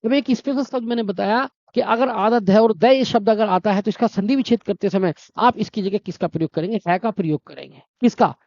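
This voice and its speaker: A man's voice: high-pitched, fairly quick, hardly any pauses, darkish tone, dry recording, muffled recording. A male teacher explaining a grammar lesson, repeating key points and quizzing his listeners.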